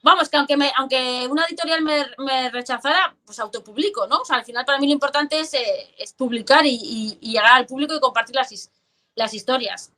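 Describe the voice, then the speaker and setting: A woman's voice: high-pitched, a little fast. A woman, a guest writer chatting expressively in an interview over a video call, often restarting her sentences. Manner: expressive, frequent restarts and fillers. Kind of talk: casual interview chat.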